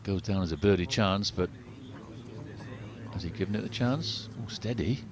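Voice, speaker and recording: A deep-voiced man provides live golf commentary as lead commentator, measured, understated, and conversational. Background noise is audible.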